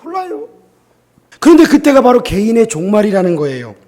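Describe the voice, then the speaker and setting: A man's voice: high-pitched, animated, moderate pace, darkish tone. A male pastor preaching a sermon, telling stories and acting out quoted voices before building to emphatic appeals. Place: church sanctuary.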